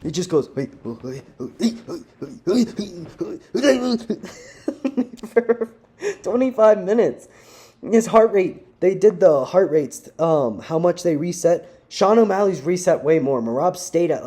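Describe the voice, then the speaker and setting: An animated young man ranting on his video channel in loose, slangy talk, laughing between his points. His voice sits a little high for a man, with a mellow, soft tone. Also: measured pace. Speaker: vlogger. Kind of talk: casual rant.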